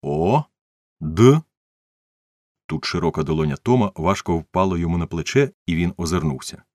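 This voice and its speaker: A man narrating a novel as an audiobook reader, in an expressive storytelling manner. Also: sits low, quick pace, no room sound, studio quality.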